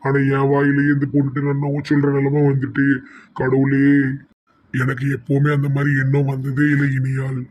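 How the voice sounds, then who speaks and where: A man with a Tirunelveli Tamil accent voicing a torn, soft-hearted young man in a cartoon, lamenting to god. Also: medium pitch, moderate pace, slightly rough, dull audio, lightly acted. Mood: anguished. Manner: flat, lamenting, calls on god.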